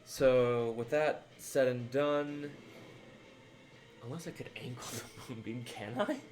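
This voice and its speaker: A man's voice: mid-range voice, steady tone, slow pace, a little mellow. A man playing a tabletop game, chatting casually and thinking aloud about the rules. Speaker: player.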